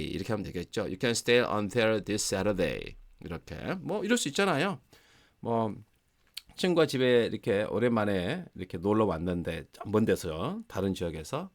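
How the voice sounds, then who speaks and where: Speaking in a lowish voice with a Gwangju Korean accent, a man teaches an online English grammar lesson. He explains in a lively way, acts out short example dialogues, and slows right down when saying English phrases.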